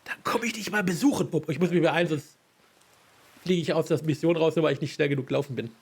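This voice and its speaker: A man's voice: on the high side, fast talker, husky. Chatty German streamer in his thirties. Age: 30s. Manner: chatty, thanks chat viewers while playing. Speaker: game streamer. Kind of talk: casual live stream chat.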